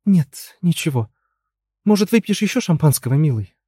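Man doing a nervous young wife, high pleading tone, coaxing, husky, dry close sound. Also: lively intonation, normal speed, mellow, dry recording. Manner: pleading, coaxing, then frantic. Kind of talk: audiobook character voice.

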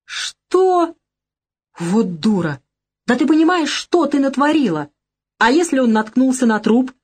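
A woman's voice: mid-range voice, lively intonation, normal speed, lightly acted. A woman reading an audiobook, voicing a cocky, short-tempered male gangster boss with a brash, mocking manner. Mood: angry. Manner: brash, mocking, flares into shouting.

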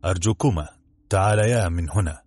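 A man voicing a boastful, self-satisfied police inspector in a storybook reading, with a husky voice. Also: sits low, a little fast, darkish tone. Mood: smug. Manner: smug, overconfident.

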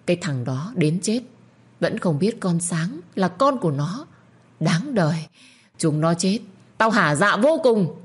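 A woman voicing a violent older lord in an audio story, hissing and ranting loud threats. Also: lowish voice, sing-song, brisk, husky, heavily acted. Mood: enraged. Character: older male lord, violent, enraged, ruthless.

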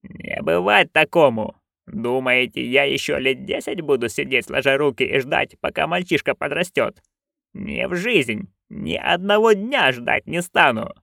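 A seething old witch woman with a quick temper and a proud bearing, as a male storyteller puts her on. She hisses and growls her words slowly, low and gravelly, with the voice leaping in sudden swells. A dry, close audiobook sound. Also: animated, sharp tone, no room sound, exaggerated voice. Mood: raging. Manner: hissing, growling, slow and low.

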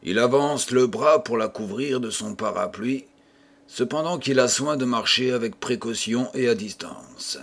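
A male audiobook reader narrating a classic tale. His voice sits at a middle pitch, and he keeps a steady storytelling pace. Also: measured pace.

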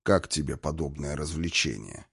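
A man reading an audiobook, voicing a brutal male warrior who threatens in a low voice through gritted teeth. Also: normal speed, vocal fry, a bit bright, slightly rough, exaggerated voice. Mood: grim threatening. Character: menacing grown male warrior-destroyer, grim and brutal. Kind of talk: audiobook character voice.

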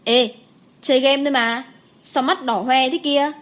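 A woman voicing a sulky, quick-tempered young mother in an audiobook, with a sharp, irritable way of talking. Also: high voice, steady tone. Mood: irritated.

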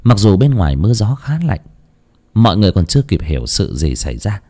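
A man narrating an audio ghost story in a dramatic, lively telling. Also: lowish voice, brisk.

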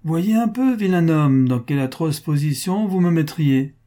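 A man's voice: on the high side, animated, normal speed, warm tone, voice pushed up, natural voice. Man playing a cynical, wheedling financier. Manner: wheedling, mock-jovial, coldly insistent. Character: cynical wealthy male financier, falsely affectionate.

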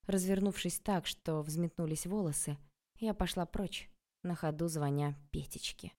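Woman reading an audiobook in a mellow low voice. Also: a little slow. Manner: lively, sarcastic, dramatic delivery. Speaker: audiobook narrator. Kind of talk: expressive first-person audiobook reading.

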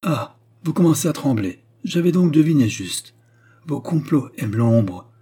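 A man's voice: mid-range voice, normal speed, mellow, breathy edge, voice pushed up, close to an everyday voice. A man reading aloud and voicing a proud, haughty queen who speaks with vehement scorn. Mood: indignant. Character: proud furious woman queen. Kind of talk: audiobook character reading.

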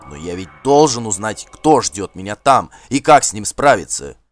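A man's voice: on the low side, very animated, normal speed. A man voicing an insistent, stern king. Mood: urgent. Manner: pressing, forceful questions.

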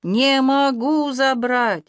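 In this audiobook, a woman puts on a whiny, tearful young man with a childish plea in every line. His voice climbs high and thin. It is dry and close, with no room around it. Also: animated, normal speed, no echo, close to an everyday voice. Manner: whining, tearful, pleading.

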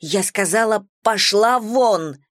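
A woman's voice: mid-range voice, animated, moderate pace, no echo, lightly acted. A woman voicing a restrained young woman, speaking dryly and curtly. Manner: dry, clipped.

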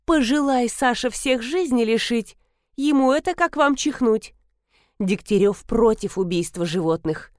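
A woman voicing an excitable female blogger who boasts about her husband in a loud, gushing way. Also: fairly high pitch, a little slow, dry recording, studio quality. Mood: boastful. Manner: loud, gushing, fanciful storyteller.

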